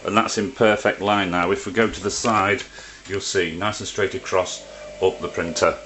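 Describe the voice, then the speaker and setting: Low-pitched man giving a hands-on tutorial. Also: steady tone, normal speed, background noise. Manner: plain-spoken, step-by-step explaining. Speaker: presenter of a printer how-to video. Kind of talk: informal hands-on tutorial narration. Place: indoors beside a printer.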